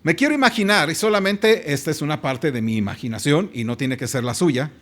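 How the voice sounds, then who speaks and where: Mexican pastor preaching in church, high voice, drags out phrases for emphasis. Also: male voice. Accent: Mexican Spanish. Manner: emphatic preaching, drawn-out phrases, calls on the congregation to read along. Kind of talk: sermon.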